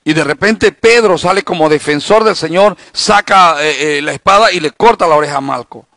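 Man pastor, Bible study sermon, fairly high voice, dry close mic, storytelling with rhetorical questions. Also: moderate pace, fairly bright tone, no room sound. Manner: conversational preaching with anecdotes and rhetorical questions.

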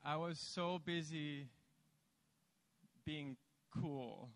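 A young missionary man from Hawaii, a guest at church, speaking slowly with a joking tone. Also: a little high, dry recording. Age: young adult.

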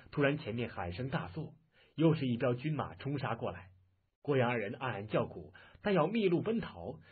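A man reading a martial-arts novel aloud as a dramatic, animated audiobook narrator. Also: medium pitch, breathy edge. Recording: muffled, phone-like lo-fi audio.

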